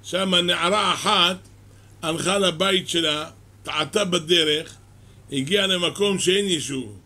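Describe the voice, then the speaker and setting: A man giving a weekly Torah portion lesson, telling a Talmudic tale in a slow, measured storyteller's way. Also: high voice, bright, forceful tone. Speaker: Torah teacher.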